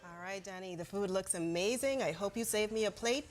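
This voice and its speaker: A woman's voice: mid-range voice, a little fast, faint music behind. A woman news anchor presenting scripted television news.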